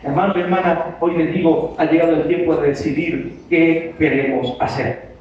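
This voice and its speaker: Man, pastor, high voice, emphatic sermon with questions to the flock, recorded far off in a dull, boomy church hall. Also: fairly even intonation, normal speed. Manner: emphatic, with rhetorical questions to the congregation. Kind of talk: preaching a sermon. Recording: very echoey hall, distant, dull sound with faint noise.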